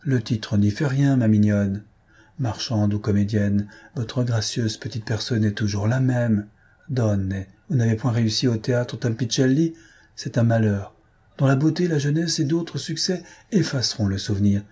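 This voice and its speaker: A man's voice: mid-range voice, moderate pace, mellow, breathy edge, lightly acted. A man reading aloud and voicing a sly, wheedling older man who speaks in honeyed tones.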